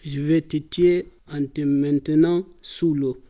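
A woman voicing a slow-witted, menacing young male crocodile in a storybook reading. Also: steady tone, warm tone. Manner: slow, heavy, booming.

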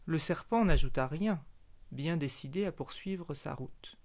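Unhurried storyteller reading a tale. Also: mid-range voice. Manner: unhurried, expressive read-aloud delivery. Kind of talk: children's tale narration.

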